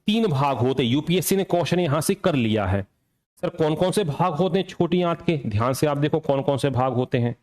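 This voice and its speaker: A man with a fairly high, expressive and slightly mellow voice teaches an exam coaching lecture at a brisk clip. He poses questions, answers them himself, and repeats key points to drill them in.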